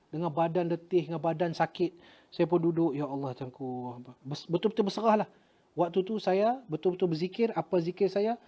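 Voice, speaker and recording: A middle-aged man with a Malaysian Malay accent, a retired army officer telling a personal story with drama, swinging between loud exclamations and hushed murmurs. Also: sits high, lo-fi sound.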